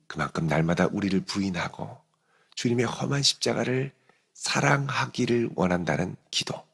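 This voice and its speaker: A man preaching an early-morning sermon as pastor, animated and acting out quotes. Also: sits low, gravelly, breathy edge, long reverb tail. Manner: animated, acts out quotes and dialect jokes. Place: church sanctuary.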